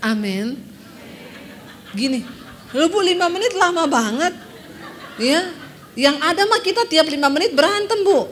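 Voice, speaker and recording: A woman pastor preaching a lively storytelling sermon, animated and humorous, often turning to address the congregation directly. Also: high voice, unhurried, pauses often, a faint crowd, slight background noise.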